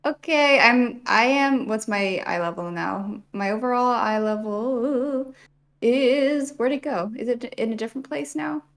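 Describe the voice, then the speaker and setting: A woman's voice: on the high side, measured pace, a bit bright. A woman co-hosting a game stream, chatty and playful, asking questions as she plays. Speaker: streamer co-host. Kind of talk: casual gameplay chat.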